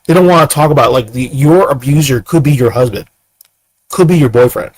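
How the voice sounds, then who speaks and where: Here the same kind of ranting clip commentary comes in a medium-pitched voice, brisk and full of rhetorical questions from a man in his thirties. There's no room sound, though the audio is rough.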